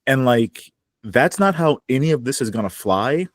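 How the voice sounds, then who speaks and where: A man's voice: mid-range voice, normal speed, no echo, studio quality. A man co-hosting a casual podcast recap from his home basement, laughing and acting out quotes. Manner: animated, acts out quotes with laughs. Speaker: podcast co-host.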